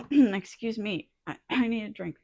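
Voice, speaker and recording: A woman vlogger chatting casually to her viewers in an informal, halting way, thinking aloud as she goes. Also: medium pitch, a little mellow, slightly rough. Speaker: vlogger and small soap business owner. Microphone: small add-on phone microphone.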